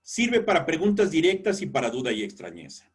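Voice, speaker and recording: A man lectures in a webinar on editorial writing. His voice sits a little high and sounds husky. He explains patiently and acts out example sentences through a computer mic. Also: huge pitch swings, brisk.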